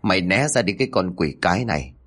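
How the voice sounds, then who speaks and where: A man voicing a nagging, sharp-tongued old mother-in-law who scolds and wails melodramatically. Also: sits low, animated, quick pace, husky, exaggerated voice. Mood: abusive.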